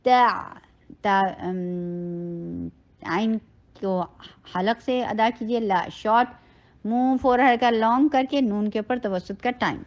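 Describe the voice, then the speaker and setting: A woman teaching tajweed, reciting words slowly and drawn out, then briskly explaining how to shape each sound with the lips and throat. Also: on the high side, highs cut off. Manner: instructive, gives step-by-step mouth and throat directions.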